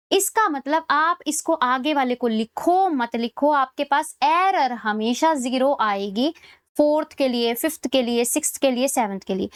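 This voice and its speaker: A woman with a high voice teaches maths for exam prep, walking through each step and often checking that her students are keeping up. When she dictates formulas she slows right down. The recording is dry, with clean studio sound.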